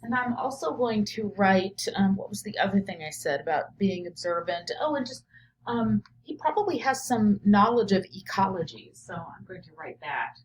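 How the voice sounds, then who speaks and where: Here a middle-aged teacher, possibly a professor, works through a children's story, reading it and musing over it aloud in a thoughtful way. She has a mid-range, expressive voice at normal speed, frequently dropping to a murmur as she jots down thoughts, and the audio quality is poor.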